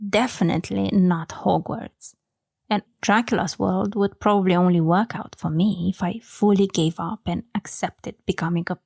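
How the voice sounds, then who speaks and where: A woman from Romania hosting a book-talk podcast, speaking softly and sometimes dropping to a whisper. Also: medium pitch, gravelly, dry recording. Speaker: podcast host.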